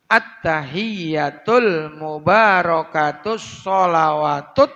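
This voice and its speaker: A male preacher, giving a religious lesson in a high, bright voice. He drills pronunciation at an unhurried pace, repeating each word and correcting it. The sound carries a long hall reverb. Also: dull audio. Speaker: Islamic preacher teaching prayer recitation.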